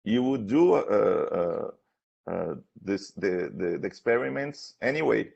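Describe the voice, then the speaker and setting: Halting, creaky-voiced man, slow academic questioner. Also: on the low side, expressive, darkish tone. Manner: halting, hesitant, repeats words while searching for phrasing. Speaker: thesis defense examiner. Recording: dull, lo-fi sound.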